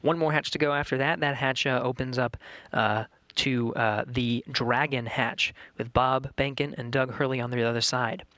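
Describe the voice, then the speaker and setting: Man, mission control commentator, measured explanatory delivery, dry sound. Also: medium pitch, steady tone, bright, forceful tone, no echo. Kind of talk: live spaceflight commentary.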